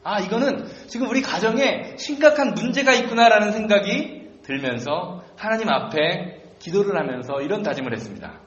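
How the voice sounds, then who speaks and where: A man's voice: high voice, lively intonation, moderate pace, hardly any pauses. A male pastor preaching a sermon, telling a self-deprecating story in a conversational way. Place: church sanctuary. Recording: echoey church room, dull lo-fi sound.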